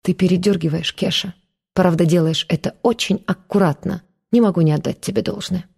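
A woman voicing a calm, steely man who speaks quietly and measuredly, in an audiobook. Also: lowish voice, brisk, creaky, slightly rough, heavily acted. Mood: cool.

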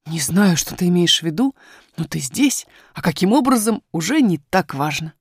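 A woman voicing a practical young miner boy who speaks in a lowered, hushed, matter-of-fact way. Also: big pitch swings, normal speed, husky, dry recording, clean studio sound, exaggerated voice.

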